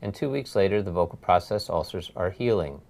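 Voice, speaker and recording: A male doctor narrates a scripted medical lecture. His voice sits on the low side, and he explains in a measured way, leaning on the important points. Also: lively intonation, vocal fry, a little mellow. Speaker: laryngologist lecturer.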